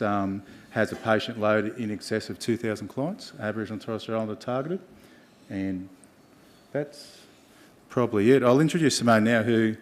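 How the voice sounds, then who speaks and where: A man with an Australian accent giving an informal presentation in a halting way, with many ums and pauses. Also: fairly low pitch. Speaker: health organisation presenter.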